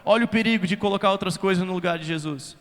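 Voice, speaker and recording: High-voiced Brazilian preacher in a hall. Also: male voice, fast talker. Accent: Brazilian Portuguese. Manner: builds from quiet storytelling to shouted appeals; mixes English phrases into his preaching. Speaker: youth pastor. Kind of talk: conference sermon. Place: large conference hall. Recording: reverberant hall.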